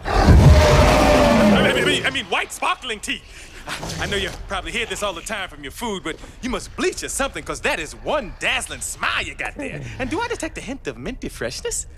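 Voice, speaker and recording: An actor voicing a cowardly, fast-talking donkey sidekick in an animated comedy film, flustered, babbling and full of exclamations. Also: male voice, high-pitched, very noisy, full character voice. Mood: nervous flattery. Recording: film clip under loud music.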